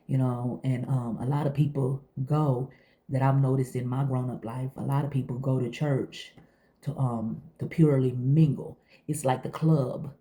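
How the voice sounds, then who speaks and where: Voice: mid-range voice, mellow. A vlogger in a casual, folksy chat to viewers, emphatic and repetitive, talking with a mouth full of food. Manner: conversational, folksy, emphatic repetition, addresses listener as baby.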